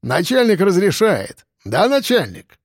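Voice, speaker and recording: A man's voice: high-pitched, huge pitch swings, measured pace, dry recording, clean studio sound, voice pushed up, full character voice. A man voicing a bossy, boozy unshaven local man who barks crude orders. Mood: eager.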